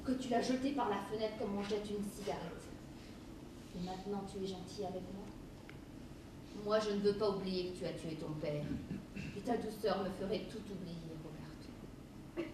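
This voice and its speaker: A frightened, grieving mother, played by a woman who pleads and turns shrill when scared. Her voice carries through a very echoey hall from far off the mic, over steady noise. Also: normal speed, close to an everyday voice. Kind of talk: stage play performance. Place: theatre stage.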